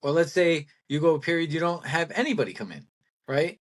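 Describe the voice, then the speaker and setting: A middle-aged man co-hosting a casual business talk show. His voice sits a little high for a man, and he rambles in an animated way, laughing often. He talks bluntly and throws in the odd swear word. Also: a little fast. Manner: blunt, salty language. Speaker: podcast co-host.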